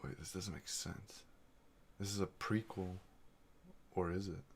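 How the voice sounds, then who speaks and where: Low-voiced man doing game commentary. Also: little pitch movement, a little slow, a little hiss or hum. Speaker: gaming streamer. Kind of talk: casual let's play commentary.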